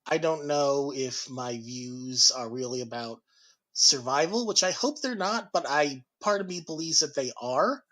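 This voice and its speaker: A man's voice: fairly high pitch, a little slow, a bit bright, low-quality recording. A man from New Jersey in a casual podcast chat, talking hesitantly, doubting himself and laughing often. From New Jersey, USA. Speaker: podcast host being interviewed.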